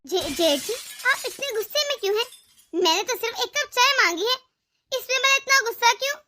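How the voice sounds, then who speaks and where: Woman playing a bratty cartoon young bride: very high, bright and haughty. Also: animated, a little fast, exaggerated voice. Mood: demanding. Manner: haughty, demanding. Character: scheming young woman, spoiled younger daughter-in-law. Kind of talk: animated cartoon voice acting.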